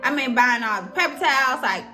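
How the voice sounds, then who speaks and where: Bright-voiced young woman telling a story. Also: high-pitched, a little fast, faint music behind. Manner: expressive and chatty, addresses viewers directly. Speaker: vlogger. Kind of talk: casual storytelling to camera.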